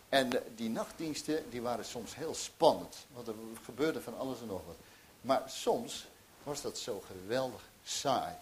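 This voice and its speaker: A middle-aged man preaching a sermon, animated, with restarts and emphatic peaks. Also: mid-range voice, slight background noise.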